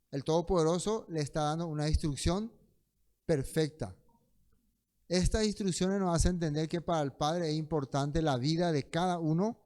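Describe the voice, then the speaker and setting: Guy preaching a bible study, mellow tone, kinda high voice, punchy questions. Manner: animated, emphatic reading with rhetorical questions. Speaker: Bible teacher.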